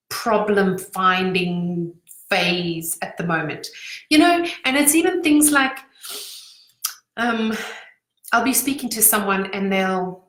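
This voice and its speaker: A middle-aged woman giving casual advice as a business coach, chatty and acting out quick quoted voices, her voice a little worn. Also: medium pitch, fairly bright tone, echoey room, low-quality recording. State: slightly losing her voice. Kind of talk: casual talking-head advice.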